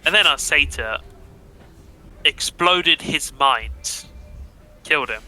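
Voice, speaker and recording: A man recapping a tabletop game session as a player, with deadpan, profane jokes. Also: a little high, takes it slowly, faint music behind, poor audio.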